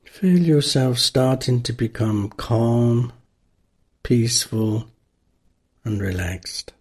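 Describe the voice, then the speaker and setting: A man guides a meditation in a calm, gentle way. His voice is slightly rough and husky, at a medium pitch. He speaks very slowly and leaves long pauses between instructions.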